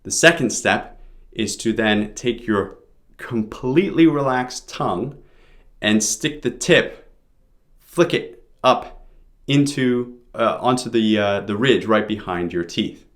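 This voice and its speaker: A man's voice: fairly low pitch, a little slow. A man giving an informal pronunciation lesson, explaining sounds step by step as a teacher.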